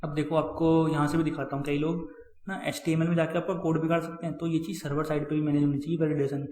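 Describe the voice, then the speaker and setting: A man's voice: fairly high pitch, little pitch movement, fast talker, a little mellow, roomy sound, low-quality recording. A man teaching web coding in a chatty screen-recorded lesson, talking straight to viewers and repeating key points. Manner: chatty, addresses viewers as guys and brother, repeats himself. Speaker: coding tutor.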